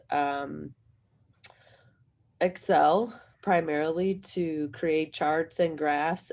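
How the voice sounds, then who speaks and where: A woman math instructor speaks on a panel, her voice hoarse, low and gravelly with fry. She talks at length in a rambling, self-deprecating way. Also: a little mellow. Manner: rambling, self-deprecating, chuckles while talking. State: hoarse from allergies. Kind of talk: panel discussion answer.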